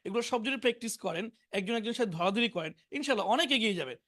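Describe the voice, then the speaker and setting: Brief: woman teacher, somewhat high voice, patient word-by-word drills. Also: lively intonation, a bit bright. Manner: drills words slowly, repeating each one. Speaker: English teacher. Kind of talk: spoken English lesson.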